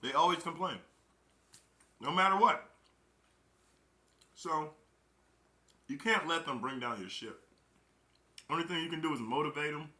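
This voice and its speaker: A young man gives a loose motivational talk in a casual, emphatic way, hammering his points home by repeating them. His voice is fairly high and very bright. It rings with the echo of a roomy space. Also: unhurried, pauses often. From Chicago, Illinois. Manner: emphatic, repeats key phrases. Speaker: network marketing recruiter.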